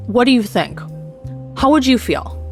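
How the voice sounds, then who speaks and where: A woman voicing a sarcastic, grudge-holding young woman who snaps and sneers, in an audio drama with soft music behind. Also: high voice, measured pace, pitched above the performer's own voice.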